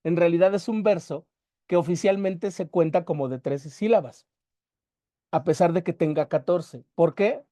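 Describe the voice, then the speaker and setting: A teacher, lecturing methodically on verse and drawing out each syllable for emphasis. The voice is warm and mellow, recorded close and dry with no room sound. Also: medium pitch, normal speed, no room sound. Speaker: literature workshop teacher. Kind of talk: explanatory lecture.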